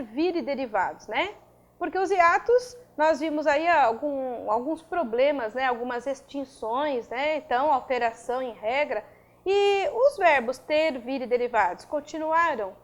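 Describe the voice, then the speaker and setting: A woman teaching a recorded grammar lesson, spelling out rules and checking in with listeners as she goes. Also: sits high. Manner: didactic, checks in with frequent tags.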